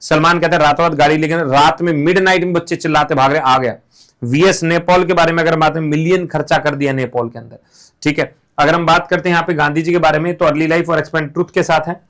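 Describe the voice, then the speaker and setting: A man's voice: fairly high pitch, steady tone, fast, fairly bright tone. A man teaching exam material through playful, silly memory stories in a casual classroom manner. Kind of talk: mnemonic lesson, casual classroom talk.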